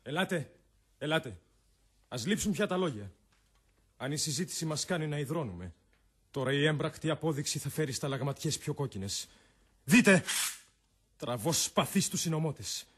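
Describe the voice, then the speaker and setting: Octavius, a stubborn young Roman general in a radio drama. His voice sits a little high and husky. He declaims his lines firmly. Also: expressive, long pauses, a bit bright. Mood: defiant. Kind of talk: classic radio drama acting.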